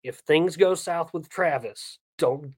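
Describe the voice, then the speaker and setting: A man's voice: on the high side, takes it slowly, husky. A man co-hosting a podcast in casual banter, telling stories and ranting for laughs. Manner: ranting storyteller, jokey, laughs often. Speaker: podcast co-host.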